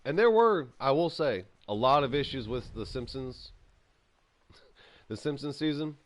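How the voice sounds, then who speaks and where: A man hosting a gaming channel speaks a little slowly in a medium-pitched voice. As he plays and eats, his casual commentary drifts, stays opinionated, and breaks into animated ranting.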